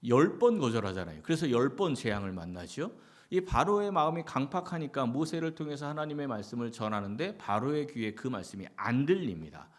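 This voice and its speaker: Male pastor in a Sunday sermon, middle pitch, animated intonation, question-and-answer preaching style. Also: brisk. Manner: asks the congregation many questions and answers them himself; lively, rising and falling delivery with short acted-out quotes.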